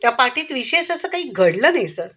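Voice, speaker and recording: A woman's voice: high-pitched, big pitch swings, fairly quick, fairly bright tone, breathy edge, exaggerated voice. A woman voicing a respectful male police constable reporting to his superior in a storybook reading. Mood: dutiful.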